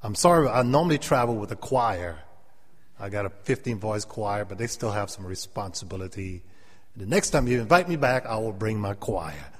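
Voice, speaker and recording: A man's voice: lowish voice, expressive, normal speed. A middle-aged man with a South Carolina Gullah Geechee accent preaches in an anecdotal, humorous way, repeating phrases and calling for amens. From South Carolina, United States. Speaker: preacher, church elder. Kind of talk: sermon to a congregation, humorous and anecdotal. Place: large indoor hall, speaking to an audience. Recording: echoey hall with long reverb.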